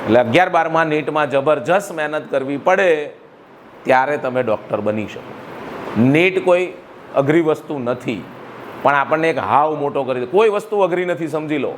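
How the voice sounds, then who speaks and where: Slightly high at a moderate pace, with a little hiss or hum, a middle-aged Gujarati school director from India motivates students in a school hall. His accented speech is rhetorical, and he keeps throwing questions at the room.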